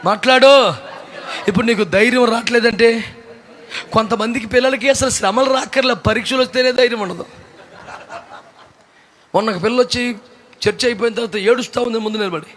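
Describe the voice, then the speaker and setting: A pastor from India preaching a fiery sermon to a congregation, often shouting and scolding with rhetorical questions. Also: male voice, extremely high pitch, a little fast, pauses often, slight background noise. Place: church congregation.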